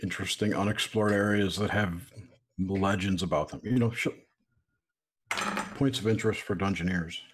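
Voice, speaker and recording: A man's voice: sits low, normal speed, pauses often, slight background noise. A man playing a tabletop game with a playful, jokey manner. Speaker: player.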